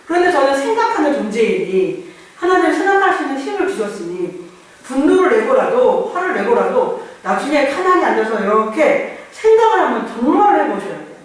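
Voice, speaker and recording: Pastor preaching casually, voice jumps up and down a lot, booming echo, mic far off. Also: very animated, fairly quick. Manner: conversational, acts out inner voices. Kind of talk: sermon. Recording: very echoey church, far mic.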